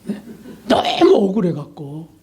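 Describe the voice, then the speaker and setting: Emphatic, mellow-voiced male pastor preaching. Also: high-pitched, huge pitch swings, unhurried. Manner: emphatic, questioning, dramatic preaching. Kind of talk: sermon.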